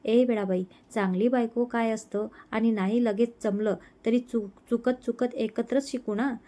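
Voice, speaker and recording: A woman voicing a tender, reassuring young man who speaks gently and unhurriedly to his fiancée. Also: fairly high pitch, steady tone, normal speed, natural voice.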